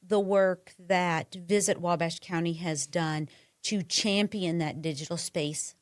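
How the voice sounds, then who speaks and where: A woman's voice: on the low side, steady tone, slow, no echo, clean studio sound. A woman with a Midwestern American accent hosting a podcast interview, encouraging and affirming her guest. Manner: warmly encouraging, with affirming murmurs. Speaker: podcast host.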